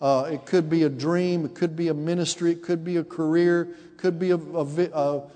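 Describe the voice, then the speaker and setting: A man's voice: fairly high pitch, steady tone, fairly quick, warm tone, in a large hall. A man in his forties preaching a sermon, calling out to his congregation and building to emphatic peaks. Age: 40s. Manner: call-and-response preaching, rising to emphatic peaks. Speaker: pastor.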